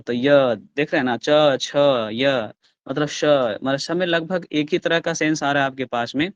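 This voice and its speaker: Hindi grammar teacher sounding out letters. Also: male voice, a little high, no echo, lo-fi sound. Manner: explains step by step, asks the class questions and answers them himself; sounds out letters slowly and loudly. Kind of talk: online class lecture.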